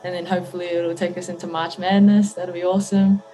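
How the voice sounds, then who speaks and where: A woman's voice: on the low side, little pitch movement, fast, dark tone, faint music behind. A young woman from New Zealand with a New Zealand accent, a college basketball player answering interview questions in an easygoing, thoughtful way. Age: young adult.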